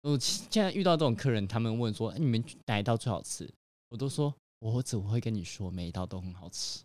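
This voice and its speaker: A man's voice: fairly low pitch, quick pace, no room sound. A man with a Taiwanese Mandarin accent, co-hosting a casual chat podcast and teasing his friend while telling stories from his restaurant job. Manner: teasing, animated storytelling. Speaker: podcast co-host; restaurant worker.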